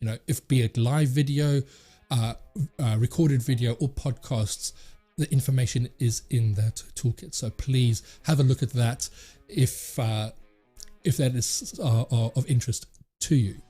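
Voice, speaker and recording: Mellow, husky man, rambling with fillers. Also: medium pitch, a little slow, faint music behind. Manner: rambling, many fillers and restarts. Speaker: tech channel host. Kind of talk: casual talk to camera.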